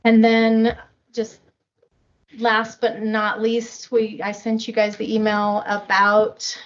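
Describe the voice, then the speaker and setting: A woman reporting to a county board at a public meeting, measured and a little halting. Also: on the high side, completely flat delivery. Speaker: county staff member reporting to commissioners. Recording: dull meeting room audio with faint noise.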